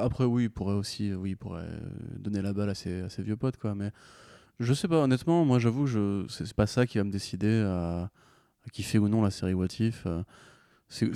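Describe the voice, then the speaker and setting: A man's voice: fairly low pitch, dark tone, dry recording, studio quality. A man co-hosting a podcast, laid-back and joking, often hesitant with fillers. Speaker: podcast co-host. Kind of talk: casual chat.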